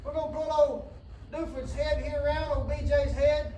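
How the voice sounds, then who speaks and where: High-voiced horse trainer, far off. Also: male voice, fairly even intonation, moderate pace, warm tone, slight background noise. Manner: drawling, folksy, preachy asides, soothing whoas to the horse. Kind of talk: explaining to camera while working a horse. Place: outdoor round pen. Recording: distant echoey outdoor recording.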